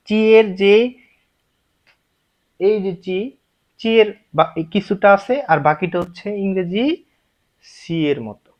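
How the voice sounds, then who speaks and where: Slow-speaking male language teacher, lo-fi. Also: on the high side. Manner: explains stroke by stroke, repeats syllables aloud. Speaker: Japanese teacher. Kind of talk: slow step-by-step lesson. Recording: dull lo-fi recording.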